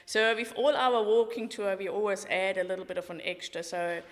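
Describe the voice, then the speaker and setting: A middle-aged Swiss woman who leads walking tours speaks with a Swiss accent in a podcast interview, enthusiastic yet matter-of-fact. Her medium-pitched voice holds a level tone at a slightly fast pace, with roomy, hall-like reverb.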